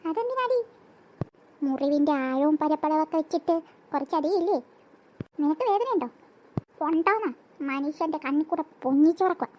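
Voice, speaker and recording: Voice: high voice, a little mellow, a little hiss or hum, close to an everyday voice. A performer voicing a bossy older sister girl who scolds and teases her sibling.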